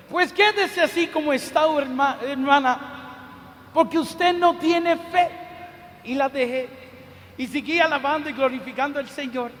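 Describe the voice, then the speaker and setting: Fervent high-voiced male preacher. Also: a bit bright. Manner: fervent, repeats a fond address to the listener. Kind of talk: sermon. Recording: long hall reverb.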